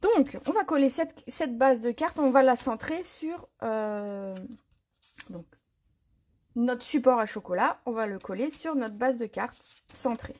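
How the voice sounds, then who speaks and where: Working through a craft demonstration on a live stream, a woman chats away, reads out viewers' comments and responds, plugging gaps with frequent fillers. She sounds a little high and expressive, with a darkish tone.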